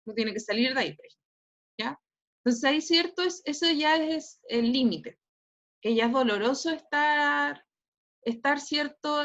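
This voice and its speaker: A woman's voice: sits high, highs cut off. A woman teacher with a Chilean accent giving an online physics class, who keeps checking in with "¿cierto?" and "¿ya?". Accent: Chilean Spanish.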